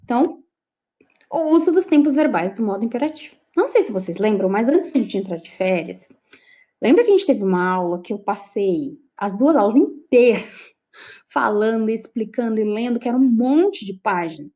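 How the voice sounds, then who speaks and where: A woman's voice: on the high side, expressive, normal speed, mellow. A Brazilian woman teaching an online class. She explains step by step and keeps checking in with her students. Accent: Brazilian Portuguese. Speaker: Portuguese teacher. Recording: dull lo-fi recording.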